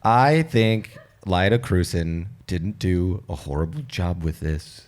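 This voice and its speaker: A man's voice: low voice, animated, slow, a little mellow. Guy cracking blunt jokes on a live podcast, voice jumps around a lot. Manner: wisecracking, blunt, teasing. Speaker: podcast co-host. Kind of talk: casual live-show banter. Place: live show taping.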